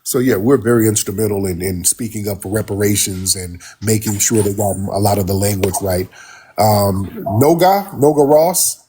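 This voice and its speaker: Husky-voiced man hosting a live call-in. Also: lowish voice, normal speed, dark tone. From California. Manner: laid-back, calls guests "dear" and "brother". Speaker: livestream host. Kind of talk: casual live chat with callers.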